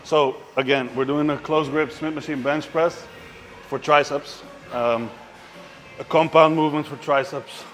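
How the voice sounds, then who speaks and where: Gym bro presenter over loud music. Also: male voice, on the high side, steady tone, measured pace. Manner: gym bro slang, joking, motivational. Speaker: fitness trainer presenting a workout. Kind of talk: casual gym vlog chat. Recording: music behind the voice.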